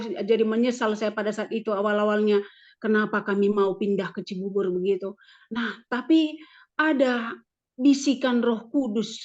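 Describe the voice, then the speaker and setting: A woman in her fifties, a religion teacher, telling her personal testimony at church in an animated storytelling manner. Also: on the high side. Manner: animated storytelling, acting out her own prayers and arguments. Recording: dull lo-fi recording.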